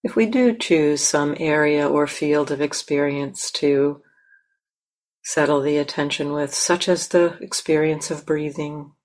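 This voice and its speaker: This meditation teacher, a woman whose voice sits low, talks listeners through a guided meditation. She takes her time, speaking softly and pausing at length.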